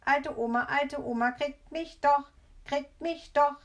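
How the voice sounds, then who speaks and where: A woman voicing a cheeky little boy who teases loudly in a sing-song way. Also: on the high side, lively intonation, normal speed, close to an everyday voice. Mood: taunting. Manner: taunting, sing-song jeering.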